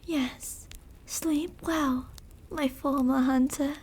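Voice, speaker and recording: Speaking with a steady, slightly mellow tone in an extremely high register, an ancient vampire woman stretches each word slowly in this intimate ASMR roleplay. Possessive and soothing but cruel and seductive, she coaxes and commands, ending phrases in a whisper.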